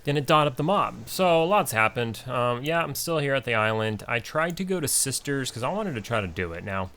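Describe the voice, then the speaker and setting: A man's voice: mid-range voice, expressive, fairly quick, fairly bright tone. A man giving casual, rambling commentary over his own gameplay, with many fillers and restarts. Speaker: gaming channel host.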